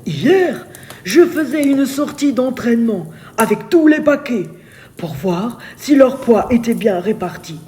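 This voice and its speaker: A solemn, centuries-old hunt leader as a woman storyteller voices him speaks in a storybook tale. The delivery is grave and hushed, with a slow pace and a mellow, warm tone. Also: fairly high pitch, very animated. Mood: earnest, grave. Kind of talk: storybook character narration.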